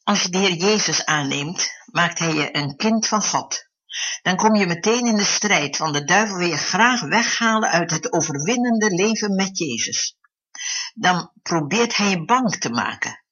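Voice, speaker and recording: A preacher giving an earnest devotional talk, slowing down to stress key phrases. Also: mid-range voice, lively intonation, sharp tone, breathy edge. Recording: dull lo-fi recording.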